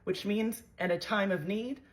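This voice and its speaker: A young woman animatedly telling a dramatic, self-mocking story to her phone camera at home, full of quick asides. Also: mid-range voice. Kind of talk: casual storytelling vlog to camera. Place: home, indoors.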